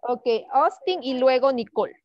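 A woman's voice: high-pitched, animated, normal speed, darkish tone, dry recording, lo-fi sound. A woman teaching an online English class, patiently coaxing her pupils and mixing Spanish with English phrases.

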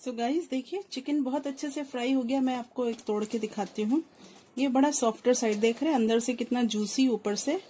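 With a highish, dark-toned voice, this female home cook narrates an instructive step-by-step tutorial for her recipe channel, slipping English words in. Sizzling, frying and stirring sounds fill the background.

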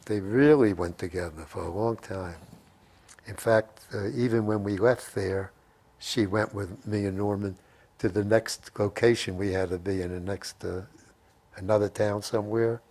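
A man's voice: lowish voice, fairly even intonation, moderate pace, a little mellow. A man in his eighties telling rambling anecdotes in an interview, repeating phrases and quoting old conversations as he goes. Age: 80s. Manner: rambling, repeats phrases, quotes remembered dialogue. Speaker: WWII veteran being interviewed. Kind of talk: reminiscing, anecdotal interview storytelling. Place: living room at home. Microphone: lapel mic.

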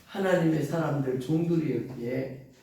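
Man pastor, mellow tone, emphatic sermon, very echoey church heard from far off. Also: fairly high pitch, normal speed. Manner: emphatic preaching, quoting scripture, rhetorical questions to congregation. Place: church sanctuary.

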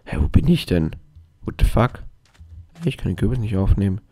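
Hyper, gravelly-voiced young man gaming. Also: lowish voice, expressive, moderate pace, dark tone, no echo. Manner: hyper, jokey, rambling to himself. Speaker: let's play gamer. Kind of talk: casual gameplay commentary.

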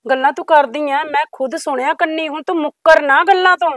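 A woman's voice: high-pitched, brisk, fairly bright tone, dry recording, clean studio sound. A woman with a Punjabi accent playing a stern mother-in-law who scolds a neighbour. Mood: scolding. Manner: scolding, then pleading. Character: stern older mother-in-law guarding her daughters-in-law.

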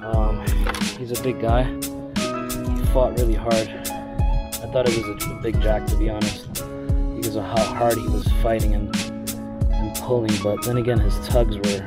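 Man in his thirties, fishing vlogger, flat, even delivery, outdoors on a boat, loud music underneath. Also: on the low side, unhurried, pauses often, poor audio. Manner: excited, chatty, talks to the fish and viewers. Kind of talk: casual on-the-water commentary. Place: outdoors on a small skiff on open water. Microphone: action camera on his body.

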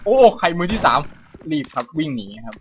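A man hosting a game channel, playing with friends and reacting loudly, swearing and crying out in alarm. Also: fairly high pitch, fast, a little hiss or hum. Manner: loud, excitable, swears a lot, cries out in alarm. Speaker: gaming channel host. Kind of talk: let's play commentary with friends. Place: room full of players.

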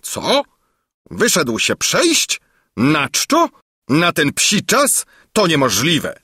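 A man's voice: medium pitch, wildly swooping pitch, a little slow, a bit bright, husky, dry recording, clean studio sound, voice pushed up, full character voice. A man voicing an impatient, greedy old king in a storybook reading, fussy and bossy. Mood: indignant.

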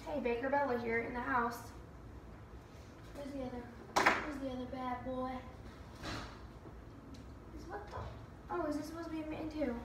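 Speaking at a moderate pace in a high, steady voice with frequent pauses, a young vlogger bakes in her home kitchen and chats casually, using lots of "like" and "um" and teasing herself. The camera mic sits across the room at times, giving roomy, off-mic audio that is very noisy.

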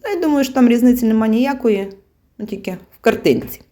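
A woman's voice: a little high, animated, fast, dark tone. A woman vlogger talking casually as she unpacks her weekly groceries, chatty and full of fillers and small laughs. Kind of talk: casual chat.

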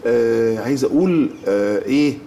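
A middle-aged man with an Egyptian accent, hosting a talk show interview in an animated, teasing way. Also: mid-range voice, a little fast, gravelly, slight background noise. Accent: Egyptian Arabic. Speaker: host.

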